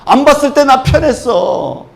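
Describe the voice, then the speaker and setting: A man's voice: very high-pitched, very animated, unhurried, vocal fry, voice pushed up, heavily acted. A pastor voicing a hurt, defiant grown man. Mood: resentful.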